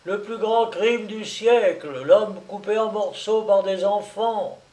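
A man voicing a shrill, limping male newspaper hawker with a cracked, shrieking cry. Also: slow pace, warm tone, echoey room, recorded from a distance. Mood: hawking.

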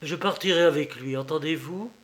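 A man's voice: fairly high pitch, normal speed, close to an everyday voice. A man reading an audiobook, voicing a bold, self-assured maidservant who scolds her mistress. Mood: scolding. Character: bold, reproachful female servant.

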